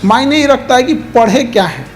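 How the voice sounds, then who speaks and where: A teacher giving an earnest motivational speech to students, repeating key points and mixing in English phrases. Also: male voice, very high-pitched, big pitch swings, moderate pace.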